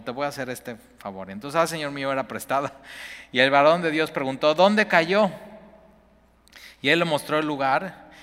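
A man preaching a sermon in a lively, conversational way, often acting out the lines he quotes. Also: mid-range voice. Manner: animated, conversational, acts out quotes, chuckles often. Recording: long hall reverb.

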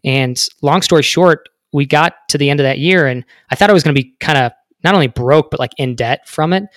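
A man's voice: on the high side, fairly quick, a bit bright, dry recording, clean studio sound. A man in his thirties telling his story as a podcast guest, rambling with many fillers. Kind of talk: casual interview talk.

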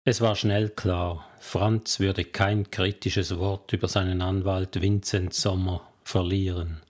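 A man narrating an audiobook novel in a measured, even storytelling manner. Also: sits low. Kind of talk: scripted narration.

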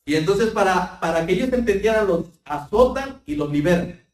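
A fervent man preaches a sermon, his fairly high voice rising as he presses his point. He stands well back from the microphone, and the church hall around him rings with echo. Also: animated, normal speed. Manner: fervent, repeats words and addresses the congregation as brethren. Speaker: pastor. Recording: roomy sound, voice far from the mic.

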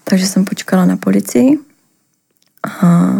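Young woman from around ostrava telling her story on a podcast, hesitant, lots of fillers, soft dark voice. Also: medium pitch, creaky, slightly rough. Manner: halting, hesitant, many filler words. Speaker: podcast guest. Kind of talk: personal account in a podcast interview.

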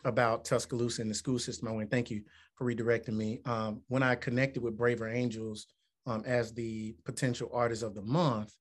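A musician and motivational speaker from Alabama, United States, a man in his 40s, answers questions as an interview guest. His mid-range, medium-pitched voice stays fairly level and moves a little fast, earnest and reflective as he builds to emphatic points.

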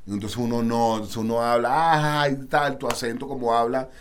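A man's voice: medium pitch, level tone, normal speed, slight background noise. A man from Venezuela with a Caracas accent, a musician guest chatting casually in an interview, full of street slang and acting out the voices of people he quotes. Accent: Caracas Venezuelan Spanish.

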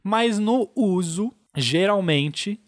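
A man's voice: high-pitched, expressive, drawn-out words, no echo, studio quality. A man with a Brazilian Portuguese accent, a podcast co-host patiently explaining things in casual chat, often adding "né?". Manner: patient explainer, peppers sentences with "né?".

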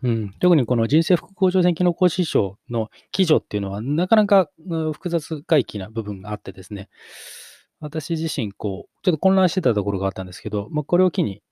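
Middle-aged guy on his own podcast, mellow voice, dry close mic, lots of ums. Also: mid-range voice, very animated, no echo. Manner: reflective, many fillers and pauses. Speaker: podcast host. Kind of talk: solo podcast monologue.

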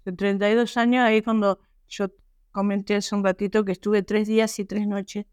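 Interview guest: Argentine woman, mid-pitched, halting and earnest, smooth clear tone. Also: level tone, darkish tone, no room sound, clean studio sound. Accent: Argentine Spanish. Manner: halting, earnest, frequent restarts and pauses. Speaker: guest, author. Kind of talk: personal testimony in a podcast interview.

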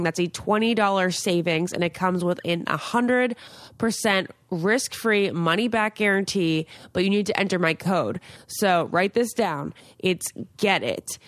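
A woman's voice: mid-range voice, a bit bright, dry recording, clean studio sound. A woman hosting a podcast in casual chat, with a nasal, congested, slightly snobby-sounding voice from a cold and an emphatic storytelling manner. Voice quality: nasal, stuffed-up voice. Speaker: podcast host.

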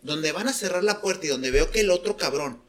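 A man's voice: a little high, lively intonation, a little fast, fairly bright tone. A young man with a northern Mexican accent hosting a podcast, telling a story in casual chat, swearing a lot and saying "güey" constantly. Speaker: podcast host.

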